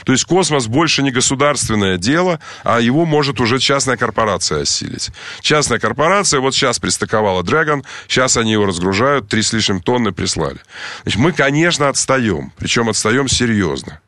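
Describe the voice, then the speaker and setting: A man of average pitch talks in an unscripted, conversational way. He is emphatic and circles back over words and phrases, recorded close and dry. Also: expressive, brisk, fairly bright tone, no echo.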